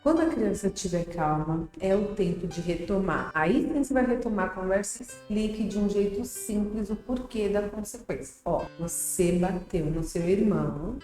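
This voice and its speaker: A woman's voice: mid-range voice, a little mellow. A Brazilian woman giving casual, direct parenting advice to her viewers, speaking in a chatty way. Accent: Brazilian Portuguese. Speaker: parenting educator. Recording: very echoey room with long reverb.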